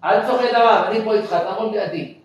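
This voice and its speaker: A man's voice: sits high, recorded from a distance, dull audio, slight background noise, voice pushed up, close to an everyday voice. A man voicing a blunt, earnest dog owner in a story he tells, recorded from afar in an echoey hall. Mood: coaxing.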